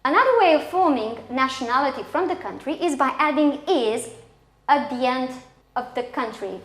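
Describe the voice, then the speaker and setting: This Romanian-accented woman teaches a scripted English lesson to schoolchildren at a moderate pace, her high voice expressive. Every example is carefully enunciated for teaching, and the recording has a roomy echo.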